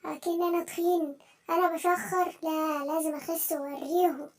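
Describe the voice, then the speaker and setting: A woman voicing a whiny fat male cartoon cat with an Egyptian Arabic accent, wailing and counting loudly as he exercises. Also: little pitch movement, brisk. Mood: puffing. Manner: wailing, loud and high, counting aloud while exercising. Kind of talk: children's cartoon voice acting.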